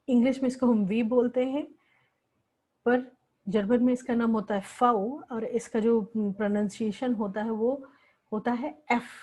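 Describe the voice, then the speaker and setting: A woman's voice: a little high, warm tone, rough recording. A woman teaching a language lesson, patiently repeating each word several times. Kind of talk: slow spoken lesson with repeated words.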